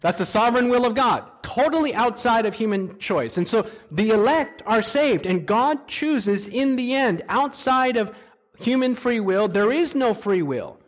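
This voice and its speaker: A man delivering a sermon as a teaching lecture. His voice sits on the higher side for a man. He speaks with emphasis and keeps turning to the audience with rhetorical questions. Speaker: preacher.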